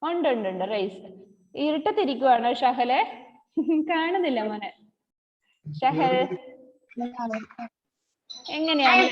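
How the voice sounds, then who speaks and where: A woman teaching an online kindergarten class, chanting words slowly in a sing-song way and coaxing her young pupils to answer. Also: high voice. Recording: dull lo-fi audio with long reverb.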